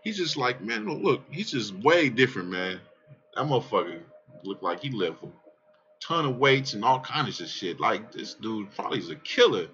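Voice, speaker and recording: A man with a bright, forceful voice rambles over his trading charts, swearing freely and cutting his sentences short. The sound is dull and lo-fi, like a cheap home mic. He speaks at a medium pitch, loose and excitable. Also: moderate pace. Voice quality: calls his own voice aggressive. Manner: brash, profane, excitable, trails off mid-sentence. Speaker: crypto trading vlogger. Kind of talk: casual rambling chart commentary.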